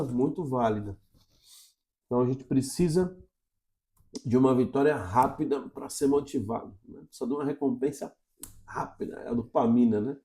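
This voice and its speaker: Brazilian male teacher, warm mellow tone, direct-to-camera coaching delivery. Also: mid-range voice. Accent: Brazilian Portuguese. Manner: coaching, checks in with frequent "tá?". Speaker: English teacher.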